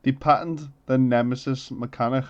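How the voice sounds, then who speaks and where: A man co-hosting a casual podcast, easygoing and quick to laugh. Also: medium pitch, steady tone, muffled recording. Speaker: podcast co-host. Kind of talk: casual chat.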